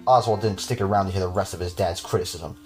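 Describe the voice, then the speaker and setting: A man's voice: sits low, fairly even intonation, fast talker, darkish tone, faint music behind. A man hosting a podcast, reading a horror story aloud with casual, chuckling asides to his cohost.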